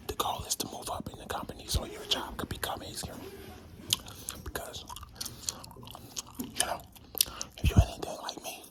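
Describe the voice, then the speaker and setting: A man whispering a rambling, slangy, informal ASMR talk while chewing gum, with mouth sounds. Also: poor audio. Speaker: ASMR creator.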